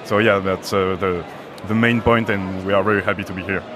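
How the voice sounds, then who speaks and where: A man from France, answering a quick vox pop interview with hesitant fillers. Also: sits low, fairly even intonation, crowd noise. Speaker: event attendee.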